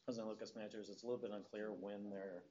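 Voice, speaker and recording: Staff guy at a board meeting, lowish voice, formal, dull muffled audio. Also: flat delivery, racing, dark tone. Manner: formal, addresses the board by title. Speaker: district staff advising the board. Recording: muffled meeting recording, faint noise.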